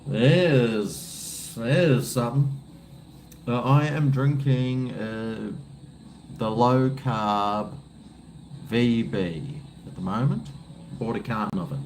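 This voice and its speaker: Faint background noise sits behind this Australian cooking vlogger as he chats on a livestream, relaxed, blokey, and rambling. He talks slowly in a slightly mellow, medium-pitched voice.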